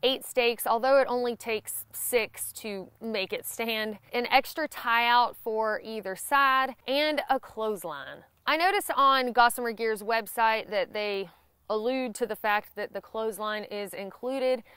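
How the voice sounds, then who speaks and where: A woman's voice: on the high side, a little slow, dry recording. A young woman with a Southern US accent, giving a scripted gear review to camera outdoors on a grassy lawn. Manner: clear, even, informative delivery.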